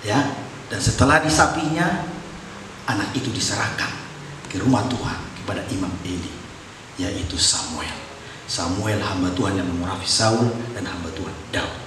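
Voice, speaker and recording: A male pastor preaching a sermon, emphatic, swinging between loud cries and hushed asides. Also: sits low, moderate pace, background noise. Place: church. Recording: echoey church hall, far mic.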